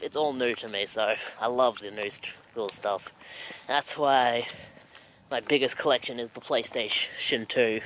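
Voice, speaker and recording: A young man with an Australian accent talks casually to a handheld camera. He breathes heavily as he walks, in a mid-pitched voice. The outdoor recording carries some faint noise. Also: a bit bright. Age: young adult. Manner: heavy breathing while walking. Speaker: vlogger. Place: outdoors at night, walking in a suburban riverside area. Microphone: handheld camera at arm's length.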